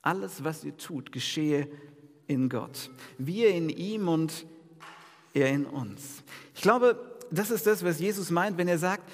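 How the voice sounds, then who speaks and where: Male pastor, conversational sermon delivery, slightly high voice, echoing church hall. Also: slow pace. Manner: lively, conversational preaching with audience questions.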